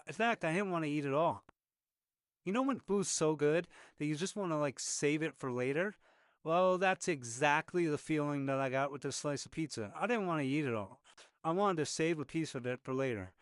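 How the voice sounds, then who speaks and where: In a casual voice-over over footage, a male food reviewer talks through his meal, chatting with lots of fillers. He speaks at a normal pace in a smooth voice on the high side. The sound is dry and clean, like a studio.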